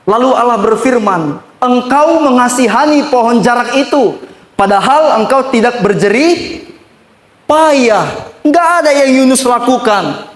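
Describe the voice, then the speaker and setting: A male pastor, preaching emphatically to his congregation, sweeping up and down in pitch and repeating phrases for effect. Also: unhurried, echoey room. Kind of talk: sermon. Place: church.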